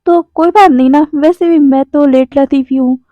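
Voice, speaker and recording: A woman's voice: high-pitched, steady tone, normal speed, no room sound, natural voice. A woman voicing a playful, teasing young man in a storybook retelling, drawing out her words. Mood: carefree. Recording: dry, dull lo-fi sound.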